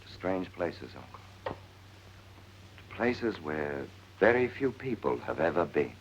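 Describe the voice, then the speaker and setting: A man's voice: extremely low pitch, sing-song, a little slow, a little hiss or hum, exaggerated voice. A man acting an exasperated, wry character with sardonic screwball banter in a 1940s comedy film. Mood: wry, insistent. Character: exasperated, wry man convinced his brother returned as a dog. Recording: muffled vintage film soundtrack.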